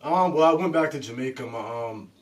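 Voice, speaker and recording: A man from Poughkeepsie, New York, a rapper guest talking about himself in a relaxed, laid-back way with plenty of fillers. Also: medium pitch, brisk, recorded from a distance. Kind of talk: casual interview.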